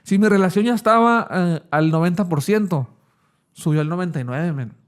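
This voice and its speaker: A man's voice: high voice, normal speed, clean tone. A man, telling his personal testimony in a casual, slangy way as an interview guest.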